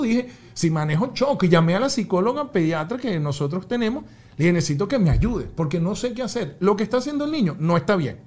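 A man, a father and podcast guest, telling a personal story in an emphatic, animated way, acting out the shouts he describes. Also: sits high. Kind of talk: conversational storytelling.

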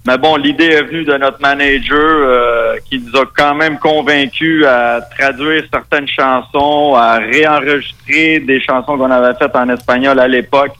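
A man's voice: mid-range voice, fairly even intonation, moderate pace, hardly any pauses, pushed and bright. A man with a Québécois French accent, a metal musician talking casually in a radio interview, rambling with many restarts and fillers. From Quebec, Canada. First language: Spanish. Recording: radio broadcast.

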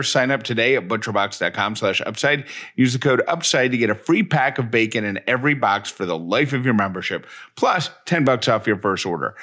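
A man with a mid-range voice and a fairly bright tone co-hosts a podcast. He delivers the sponsor spots in a relaxed, conversational, folksy, enthusiastic way.

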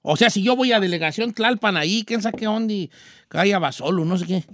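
A man's voice: sits high, fairly quick, no room sound, studio quality, natural voice. A man voicing a rowdy, boastful older male rancher with a Mexican accent, hosting a comic radio talk show in a brash way. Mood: joking. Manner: lively, brash, breaks into shouting.

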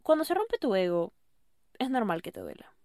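Woman, podcast host, affectionate advice monologue, middle pitch, dry recording. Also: big pitch swings, normal speed, dark tone, dry recording. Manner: affectionate, calls listener "mi amor", keeps asking "¿ok?".

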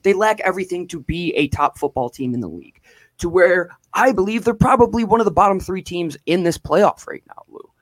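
A man co-hosting a sports podcast, giving emphatic, animated opinions in casual chat. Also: sits high, brisk, no echo. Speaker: podcast co-host.

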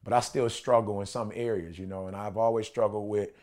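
A man's voice: lowish voice, steady tone, brisk, a little mellow. An American man in his forties telling personal stories in a casual chat, with an emphatic, slangy, repetitive delivery of a preacher and motivational speaker. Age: 40s. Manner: emphatic, repetitive, slangy, often checking the listener follows. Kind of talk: animated personal storytelling in a casual podcast chat.

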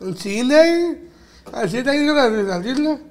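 A man with a Sinaloa Mexican Spanish accent answers in short, simple bursts. His voice sits high for a man. The talk is loose and playful. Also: expressive, unhurried. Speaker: guest of the show. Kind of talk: casual chat.

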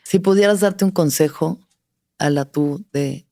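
A Mexican woman hosts a podcast conversation in a very low, warm, mellow voice. Her sound is dry and close, and she offers supportive nods and thoughtful questions. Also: measured pace, no room sound. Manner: supportive, brief affirmations, reflective questions. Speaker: podcast host. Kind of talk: casual interview.

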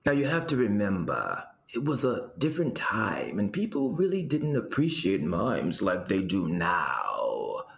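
Using a full character voice that is lowish and creaky, an actor plays a deadpan male storyteller rambling through absurd family history for a comedic audio drama. He leans on deliberate dramatic pauses, and the mood stays wry.

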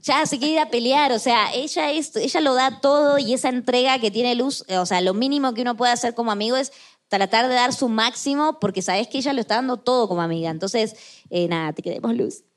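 A woman guest on a casual podcast, telling stories about a friend in an animated, affectionate way. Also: a little high, brisk.

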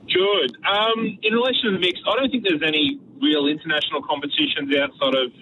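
An Australian man calling a radio show, casually arguing his case step by step in a measured way. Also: a little high. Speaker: radio phone-in caller. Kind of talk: casual argument. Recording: distant, muffled, noisy phone call to radio.

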